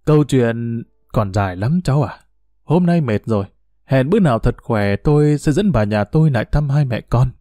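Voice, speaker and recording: Man doing a proud, smug old gentleman. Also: medium pitch, expressive, moderate pace, dry recording, studio quality, lightly acted. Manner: boastful, bureaucratic phrasing. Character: old man, proud, teasing retired official.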